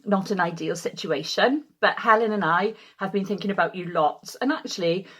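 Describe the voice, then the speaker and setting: Chatting to camera from home, a Welsh choir leader talks at a moderate pace in a mid-range voice that is bright, forceful and slightly rough. She's casual and self-deprecating, with plenty of ums, while a keyboard sounds faintly in the background.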